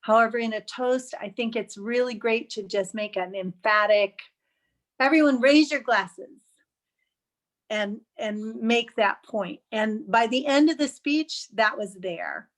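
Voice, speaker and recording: A woman's voice: a little high, unhurried, few pauses. A woman giving encouraging, chatty feedback on a speech over a video call. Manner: encouraging, chatty, gently picky. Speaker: speech evaluator. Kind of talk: giving spoken feedback in an online club meeting. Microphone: computer mic on a video call.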